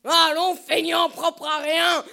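Woman doing a shepherd yelling commands. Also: very high voice, flat delivery, takes it slowly, gravelly, voice pushed up, full character voice. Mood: urging. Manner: sharp calling commands. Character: shepherd man with a whip, driving the bull. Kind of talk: audiobook character voice.

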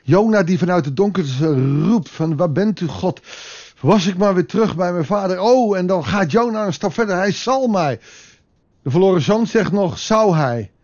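Male devotional speaker, slightly high voice, calm reflective delivery with pauses; dull lo-fi recording. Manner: calm, reflective, pausing, rhetorical questions. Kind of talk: daily Bible meditation.

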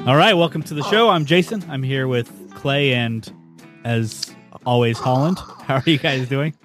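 A man hosting a podcast in relaxed, casual conversation, leading the talk. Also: mid-range voice, normal speed, soft background music. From United States. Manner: easygoing, leads the conversation. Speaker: podcast host.

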